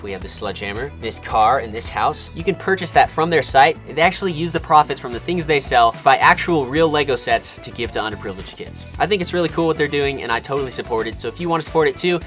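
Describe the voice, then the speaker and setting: A man's voice: on the high side, fairly bright tone. A man narrating his building challenge as a casual vlog, chatty and upbeat, breaking into little laughs.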